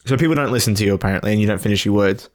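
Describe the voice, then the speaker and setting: A man's voice: lowish voice, very fast. A man co-hosting a casual podcast, joking and rambling, a bit nasal today. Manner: joking, rambling, laughs often. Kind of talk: casual banter.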